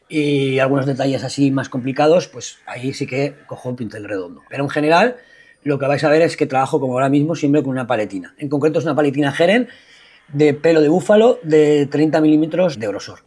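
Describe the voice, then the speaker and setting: A man with a Peninsular Spanish accent talks through a painting lesson in voice-over. He speaks quickly, with a slightly husky voice pitched a little high, and explains in a patient, reassuring way. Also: darkish tone. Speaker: watercolor painting teacher. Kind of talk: voice-over tutorial narration.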